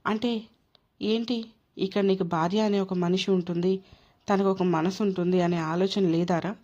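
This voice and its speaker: A woman's voice: mid-range voice, fairly even intonation, normal speed, a little mellow, natural voice. A woman voicing a young sister who confronts her brother sharply. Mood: challenging. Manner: confronting, challenging. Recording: dull lo-fi recording.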